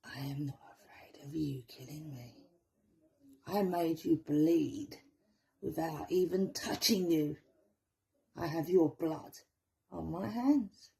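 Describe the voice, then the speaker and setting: A woman's voice: low-pitched, creaky, mellow, full character voice. A woman playing a cackling, whispering demoness. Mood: menacing. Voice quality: whispery, slow and menacing with cackling laughs. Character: cackling demoness wrestling villain, menacing. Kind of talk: villain promo.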